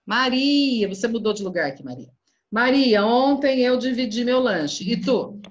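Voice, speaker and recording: A middle-aged woman teaching Portuguese in an online class, drilling verb conjugations, calling on students by name and praising them briskly. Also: fairly high pitch, lively intonation. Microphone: video call. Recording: dull, lo-fi video call audio.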